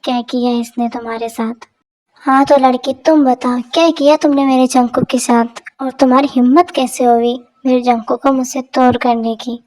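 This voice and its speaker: A woman's voice: high voice, fairly even intonation, moderate pace, a little mellow, lightly acted. A woman voicing a jealous, vengeful young rival in a fan dub drama, sneering and threatening. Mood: scornful.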